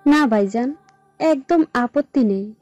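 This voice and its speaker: A woman's voice: fairly high pitch, lively intonation, slow pace, dull audio. A woman voicing a soothing, tender middle-aged mother-in-law in an audio story drama. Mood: agreeable. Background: soft background music.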